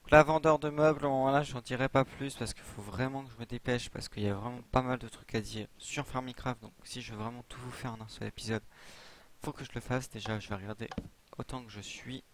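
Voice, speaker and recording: A man's voice: mid-range voice, steady tone, fairly quick, a little hiss or hum. A young man giving a casual gameplay tutorial, rambling with many fillers and restarts as he explains a modded server. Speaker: server admin giving a modded game tour.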